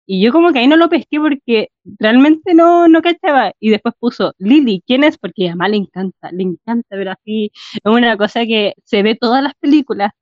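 A woman with a Chilean accent, co-hosting a casual chat, telling stories in a lively way and laughing often. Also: fairly high pitch, fairly quick, dry recording. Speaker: podcast co-host. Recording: dull lo-fi, dry.

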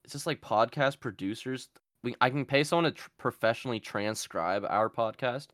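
A man hosting a podcast in casual chat, joking around and reading things aloud with quick asides. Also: mid-range voice, a bit bright, no room sound. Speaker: podcast host.

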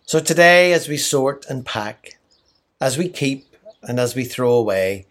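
A middle-aged man from Ireland reads a devotional message as a mission leader. His delivery is measured and prayerful. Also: mid-range voice.

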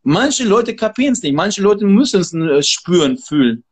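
A man's voice: sits high, big pitch swings, unhurried, slightly rough. A man, a martial arts trainer and guest, talking casually in an interview in an emphatic, motivational way.

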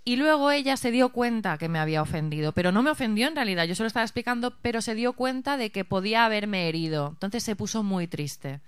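A woman co-hosting a chat podcast, recounting stories with animation. Her voice is remarkably clean and smooth, mid-pitched, recorded dry and close. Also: quick pace, hardly any pauses, no echo. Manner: animated storytelling. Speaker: podcast co-host. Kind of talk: casual chat.

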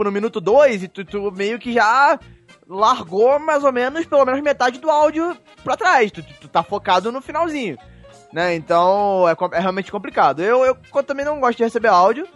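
A man's voice: high-pitched, fairly bright tone. A man co-hosting a casual podcast chat, rambling with frequent stammered restarts. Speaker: podcast co-host.

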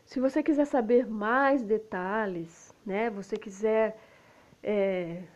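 A woman with a Brazilian Portuguese accent, a native Portuguese speaker, teaching English and slowly repeating example phrases, often adding "né?". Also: medium pitch, a little mellow, dull audio. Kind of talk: slow explanatory lesson.

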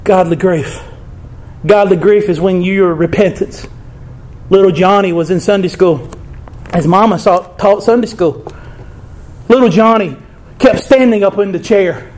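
A man's voice: high voice, a little slow, pauses often, a little mellow. A man preaching a sermon, pleading with his listeners and acting out the voices of sinners.

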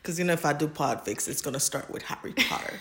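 A deep-voiced woman talks at a quick pace as a podcast co-host. She chats casually and informally about fan fiction, giggling and rambling as she goes.

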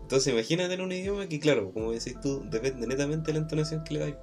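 Man, Chilean accent, casual podcast chat, monotone, slangy, faint guitar music behind. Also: fairly high pitch, fast. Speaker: co-host.

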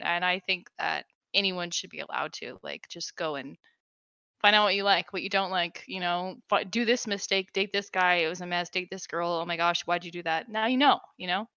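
A woman's voice: on the low side, sharp tone, smooth, dry recording. A woman talking as a podcast guest over an online voice call, chatty and loose, with lots of "like". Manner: chatty, fills her talk with "like". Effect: voice heard over an online voice call. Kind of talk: casual chat. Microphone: computer mic on a voice call. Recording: dull, dry lo-fi voice-call audio.

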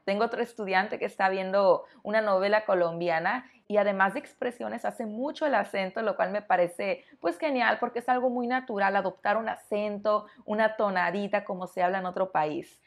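A woman teaching Spanish in a podcast lesson, explaining in a conversational way, talking straight to the listener and asking rhetorical questions. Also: medium pitch. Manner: friendly, direct address to the listener.

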